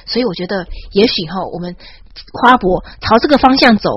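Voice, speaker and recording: A woman with a Taiwanese Mandarin accent giving a mock-boastful satirical monologue, dropping a breathy "ha" into nearly every phrase. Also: medium pitch, a little fast, dry recording, muffled recording. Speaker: satirical commentator. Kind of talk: sarcastic comic monologue.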